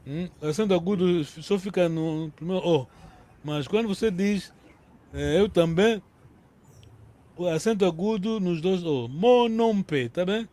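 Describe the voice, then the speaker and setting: A man's voice: high voice, measured pace, mellow. A man teaching a language lesson, patiently repeating words and correcting his students' pronunciation.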